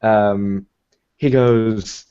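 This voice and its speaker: A man's voice: lowish voice, steady tone, drawn-out words, dark tone, clear, resonant tone. A man chatting casually as a podcast co-host on a video call, hesitant, with many ums and restarts, and he laughs often. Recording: dull lo-fi video call audio.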